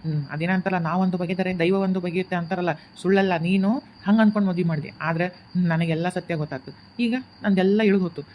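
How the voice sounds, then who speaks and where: A woman's voice: on the low side, steady tone, a little hiss or hum, lightly acted. Woman voicing a bitter young husband with North Karnataka speech. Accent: North Karnataka Kannada. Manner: bitter, stubborn, quick. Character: grieving young husband rejecting his new wife. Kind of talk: cartoon voice acting. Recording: muffled lo-fi home recording.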